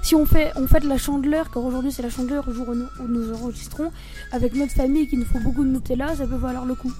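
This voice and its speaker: Teen girl panelist, high and mellow, halting opinions, faint music. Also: steady tone. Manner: hesitant, thinking aloud with fillers. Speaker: student panelist. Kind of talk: casual panel chat.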